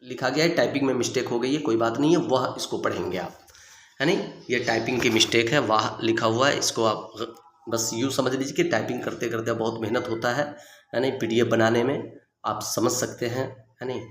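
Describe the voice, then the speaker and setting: A man's voice: mid-range voice, a bit bright, reverberant, a little hiss or hum. A man teaching a recorded grammar lesson, explaining patiently, repeating key points and asking and answering his own questions. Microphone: video lesson mic.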